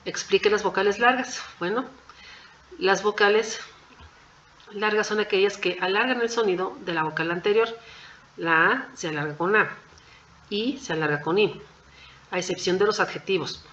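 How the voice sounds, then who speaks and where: A woman's voice: medium pitch, normal speed, long pauses, fairly bright tone. A woman walks through exam answers one by one, with the patient, methodical manner of a teacher who keeps checking that her students follow. The recording is a little dull and muffled, with a faint hum underneath. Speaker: Japanese language teacher.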